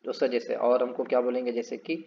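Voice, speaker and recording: A man teaching a spoken English lesson, repeating each word slowly and drawn out as he explains its spelling. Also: medium pitch, flat delivery, gravelly, warm tone, muffled recording.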